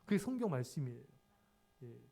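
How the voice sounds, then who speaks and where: A man's voice: mid-range voice, very animated, brisk, gravelly, dark tone. A man preaching a sermon as pastor, earnest and repetitive, often calling out to his congregation. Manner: earnest, repeats key words, addresses congregation often. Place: church sanctuary.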